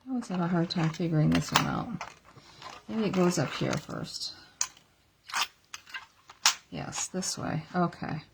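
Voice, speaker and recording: A woman's voice: mid-range voice, vocal fry, slight background noise. A woman giving a casual card-making tutorial at her craft table, chatty and thinking aloud as she works, recorded through an iPad camera. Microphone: iPad camera on a stand.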